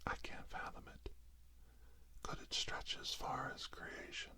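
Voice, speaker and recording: A male ASMR reiki healer leads a guided healing session in a breathy, mostly unvoiced whisper, soothing and hushed, speaking in short phrases separated by long pauses.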